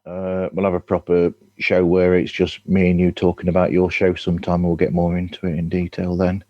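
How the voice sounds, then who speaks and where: A man with a very low voice hosts a casual podcast chat from a headset, often stumbling and restarting his sentences. The sound is dry and close, with no room around it. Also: monotone, a little fast, darkish tone, no echo, dull audio. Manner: chatty, stammering restarts. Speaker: podcast host. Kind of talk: casual chat over a video call.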